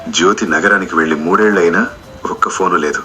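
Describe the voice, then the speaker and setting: Guy voicing a sad guilty young groom, low voice, really bright tone, sounds kinda far off. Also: a little fast, faint music behind. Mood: regretful. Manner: sorrowful, subdued. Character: heartbroken young groom, weak-willed and remorseful.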